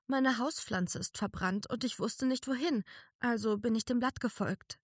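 A woman voicing a tiny young female fairy-like creature who is brave and close to tears, in a high, eager little voice. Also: normal speed, husky, dry recording. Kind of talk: audiobook character voice.

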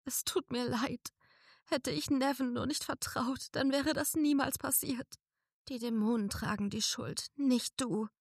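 A woman voicing a tiny young female fairy-like creature who is brave and close to tears, in a high, eager little voice. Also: fairly even intonation, measured pace, dry recording. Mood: consoling. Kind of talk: audiobook character voice.

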